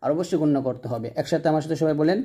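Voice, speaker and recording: A man teaching Quran recitation who explains common pronunciation mistakes in plain speech, then chants slow, drawn-out syllables for listeners to repeat. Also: on the high side, warm tone. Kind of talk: step-by-step recitation lesson.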